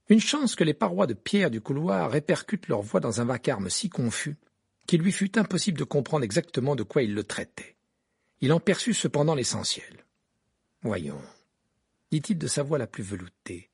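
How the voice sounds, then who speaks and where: A man narrating an audiobook in an expressive storytelling manner, with a raspy voice. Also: fairly high pitch, no echo, studio quality. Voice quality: raspy, gravelly. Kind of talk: audiobook reading of a novel.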